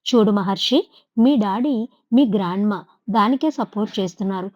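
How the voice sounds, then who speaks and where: A woman's voice: medium pitch, normal speed, darkish tone, no echo, natural voice. A woman narrator voicing a spiteful middle-aged mother who whines accusingly, in a dull lo-fi audiobook recording. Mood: whining. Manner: whining, accusing.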